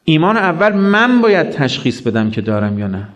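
A man's voice: fairly high pitch, sing-song. Man preaching a storytelling sermon. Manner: storytelling with acted quotes and rhetorical questions. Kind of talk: religious sermon.

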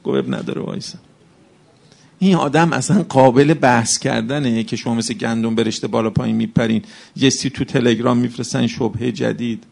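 A man's voice: mid-range voice, fairly even intonation, vocal fry, a little mellow. A man preaching a religious sermon, speaking with passion and firing off rhetorical questions to the congregation.

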